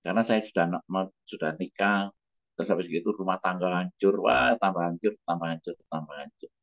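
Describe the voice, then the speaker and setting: Deep-voiced middle-aged man. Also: gravelly, dry recording. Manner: emotional, halting, breaks off and restarts. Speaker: pastor. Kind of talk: personal testimony. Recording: dull, muffled dry recording.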